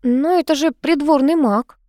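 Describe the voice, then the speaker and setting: A woman's voice: sits high, moderate pace, dark tone, no echo, clean studio sound, pitched above the performer's own voice, close to an everyday voice. A woman voicing an emotional, tearful young woman who squeals and pleads. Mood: pleading.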